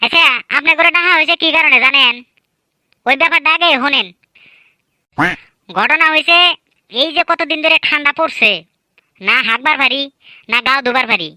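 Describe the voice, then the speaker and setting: In a rural Bangladeshi Bangla dialect, a cartoon voice artist and narrator delivers comic banter with a high, very bright and sharp voice, lively, boastful and teasing. She talks at normal speed and pauses often. The sound is dry and close-miked with no echo, though the recording is rough.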